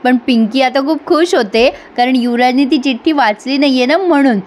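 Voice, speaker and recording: A woman's voice: sits high, moderate pace, darkish tone. A woman recapping a TV serial episode, chatty and addressing the viewers directly.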